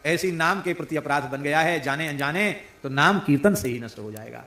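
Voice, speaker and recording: A man's voice: on the high side, fairly quick, sharp tone. A man giving a devotional sermon, breaking into sung verses and rising to emphatic declarations. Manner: mimics regional pronunciations playfully. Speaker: spiritual preacher. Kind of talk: devotional discourse with chanting. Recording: echoey room.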